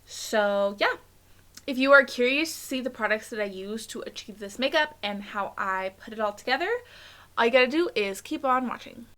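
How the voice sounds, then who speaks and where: A woman's voice: fairly high pitch, sharp tone. A woman vlogging her makeup routine in casual chat, talking with a slight lisp from a tongue piercing, chatty and candid. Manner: chatty and candid, fillers and quick asides.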